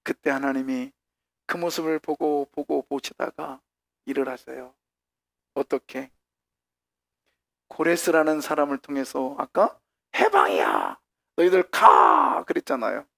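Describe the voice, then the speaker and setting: Male pastor, sermon, gravelly timbre, lively delivery with shouted dialogue bits. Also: mid-range voice, unhurried, long pauses. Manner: animated preaching, acting out dialogue with shouts. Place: church sanctuary.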